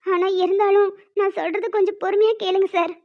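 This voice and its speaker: A woman's voice: very high-pitched, flat delivery, fast talker. A woman voicing an anxious young woman who earnestly begs a man for help in a cartoon. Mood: pleading. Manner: earnest, begging. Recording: dull lo-fi recording.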